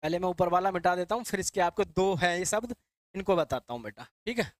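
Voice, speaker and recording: A man's voice: high-pitched, animated, fast, dry recording. A male English vocabulary teacher, giving a classroom lecture. He repeats each word and quizzes his students in a call-and-answer way, calling them "beta.". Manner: addresses students as "beta" and "bachche".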